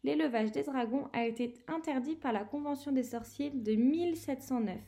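A woman voicing a lively schoolboy wizard. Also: high-pitched, moderate pace, creaky. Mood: boyish. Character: boy wizard student, eager and talkative.

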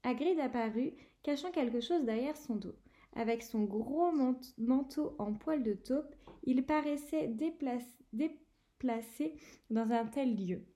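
Amateur female reader, high yet mellow voice, storybook narration with occasional restarts. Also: slow pace. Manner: gives characters slightly raised voices, frequent slips and restarts. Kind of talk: reading a novel aloud.

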